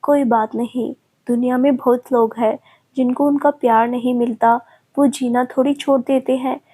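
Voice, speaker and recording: Bossy but caring young female friend, high and even; female narrator voicing her. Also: normal speed, breathy edge.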